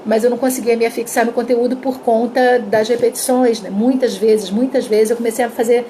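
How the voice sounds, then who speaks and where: A Brazilian-accented woman teaches communication in a live online class, her slightly high voice mellow and soft-edged. She talks with lively energy and acts out little sample dialogues, though her throat is dry. A faint hiss sits in the background. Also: a little fast. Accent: Brazilian Portuguese. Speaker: communication coach.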